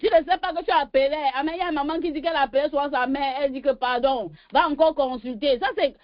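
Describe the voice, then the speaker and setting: A woman's voice: sits high, steady tone, no room sound. Fervent woman preacher chanting praise. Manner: fervent, call-and-response, breaks into slow chanted refrains. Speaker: prayer leader. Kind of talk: sermon with sung praise. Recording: dull lo-fi sound.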